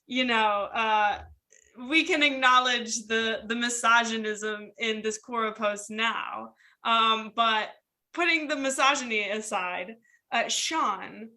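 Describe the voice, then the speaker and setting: Bright-voiced woman podcast host. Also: on the high side, slow. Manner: chatty, scripted segment intros. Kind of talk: casual podcast conversation.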